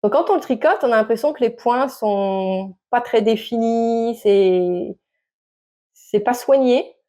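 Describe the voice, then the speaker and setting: Hesitant woman, slightly high. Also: takes it slowly, warm tone. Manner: hesitant, many fillers and restarts. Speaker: knitting vlogger. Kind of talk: casual show-and-tell chat to camera.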